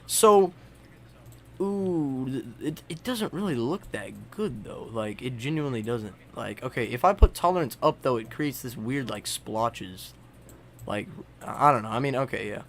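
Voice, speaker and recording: A man's voice: mid-range voice, animated, moderate pace, a bit bright, a little hiss or hum. A young man narrating a server's border history in casual, rambling commentary full of fillers and restarts while he edits a map. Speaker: video creator.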